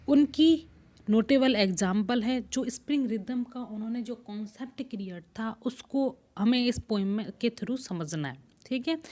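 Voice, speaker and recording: A woman's voice: a little high, warm tone. Woman teacher explaining a poem patiently. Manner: explains patiently, checks in with "ठीक है"; mixes English terms into Hindi explanation. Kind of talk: classroom lecture on a poem.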